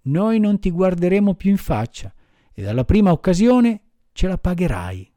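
A man's voice: sits high, very animated, normal speed, dark tone, dry recording. A man voicing a gang of rowdy schoolboys in a storybook reading, taunting and threatening. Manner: bullying, taunting.

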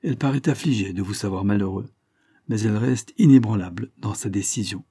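Man doing a formal police inspector, measured, dry husky dark voice. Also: fairly low pitch, no echo. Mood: earnest. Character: earnest, dutiful male police inspector.

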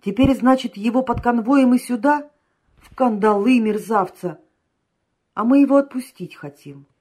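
A brisk, cheerful man urging his friend to get ready, as a woman reader puts him on. His voice is raised and bright above the narration. It is an audiobook reading. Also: on the high side, pitched above the performer's own voice, natural voice.

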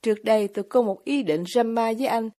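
A woman's voice: on the high side, fast, warm tone, natural voice. A woman voicing a passionate young woman in an audiobook, speaking with heightened, pleading emotion. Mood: confessional. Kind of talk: audiobook character reading.

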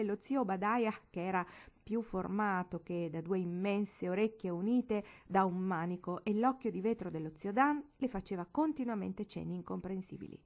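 A woman reads a novel aloud with expressive, lively storytelling in an audiobook narration. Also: mid-range voice. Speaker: audiobook reader.

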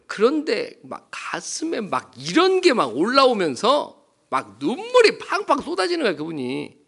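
A man's voice: high-pitched, a bit bright, husky. A male pastor preaching a sermon at a Wednesday prayer meeting in a church, telling a story and asking the congregation rhetorical questions.

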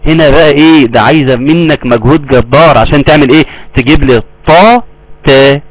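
A middle-aged man with an Egyptian Arabic accent teaching Quran recitation in a live lesson. He explains to his students and then draws the verses out slowly. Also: medium pitch, no room sound, low-quality recording.

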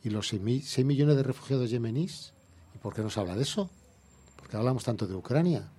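A man's voice: medium pitch, expressive, quick pace, warm tone, breathy edge. Indignant Andalusian man, heated rhetoric. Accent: Andalusian Spanish. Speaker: environmental activist guest. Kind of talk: radio interview.

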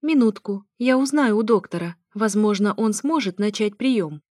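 A fussy young receptionist, as a woman reads her, chattering along in a put-on sugary tone. The voice is set a little higher than the narration and sits in a dry, close recording. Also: expressive, normal speed, darkish tone, no echo. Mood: sweet. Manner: chattering, falsely sweet.

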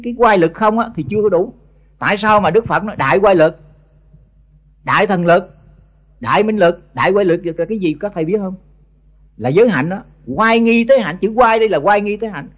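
The recording is muffled, carrying the high voice of an older man with a Southern Vietnamese accent. As a Buddhist monk teacher, he lectures monks bluntly and scoldingly on an old tape, repeatedly stumbling over the same words.

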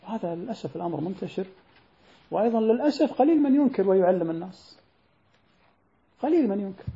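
A man teaches a religious text in a rapid, casual lecture, often turning to his listeners with rhetorical questions. His voice sits somewhat high but sounds mellow and dark in tone, and the recording is dull and lo-fi. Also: animated, gravelly.

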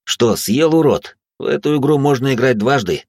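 A man doing a defiant conjurer shouting spells. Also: mid-range voice, fairly even intonation, takes it slowly, no echo, voice pushed up, natural voice. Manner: shouted incantations and commands. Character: tough young male demon-fighting conjurer, defiant.

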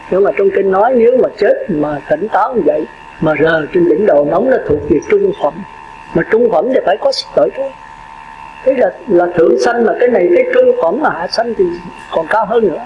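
An older monk preaches in a high, folksy voice. He chats, laughs and quizzes his listeners. The recording is dull and echoey, with steady noise underneath. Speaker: Buddhist monk teacher. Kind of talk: dharma talk sermon.

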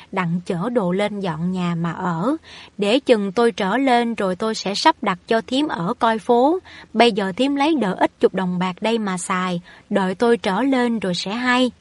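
A woman voicing a kind, wealthy older man in a storybook reading, speaking in a calm, measured way. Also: medium pitch, dry recording, close to an everyday voice.

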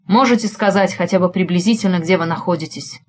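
A woman voicing a calm male investigator who asks crisp, precise questions over the phone. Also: on the low side, fast, soft background music, natural voice.

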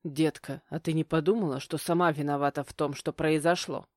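A man's voice: fairly high pitch, steady tone, fairly quick, a little mellow, dry recording, clean studio sound, natural voice. A woman doing a stern stepfather. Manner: curt, lecturing. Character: stern middle-aged stepfather, businessman.

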